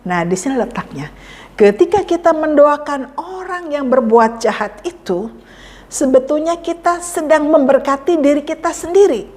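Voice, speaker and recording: A woman's voice: high-pitched, expressive, normal speed, darkish tone, in a large hall. A woman pastor preaching a sermon, repeating key phrases for emphasis and acting out pleading prayers. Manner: acts out pleading prayers to God. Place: church.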